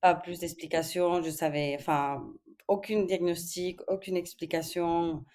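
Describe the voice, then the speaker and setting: A woman's voice: lowish voice, flat delivery, unhurried, darkish tone. A woman from Spain in her thirties, speaking as a podcast guest in a casual interview, with frequent hesitations and fillers. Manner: hesitant, many fillers, thoughtful.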